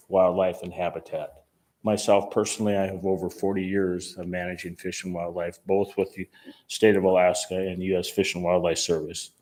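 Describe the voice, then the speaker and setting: A man's voice: low-pitched, darkish tone. A man in his sixties who serves on a fish and wildlife commission, giving earnest, emphatic testimony at a planning meeting.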